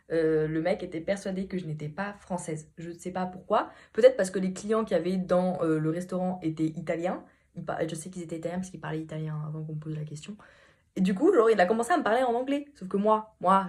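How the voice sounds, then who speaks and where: A woman's voice: fairly low pitch, darkish tone. A young woman vlogging in casual, rambling chat, laughing often, with a starting cold. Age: young adult. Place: hotel room. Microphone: phone camera.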